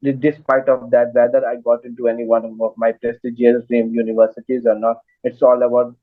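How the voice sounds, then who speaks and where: A man hosting an interview, talking in an earnest, halting way with restarts. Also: medium pitch, level tone, dry recording. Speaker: interviewer, host. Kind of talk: casual interview talk. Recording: dry phone-like line.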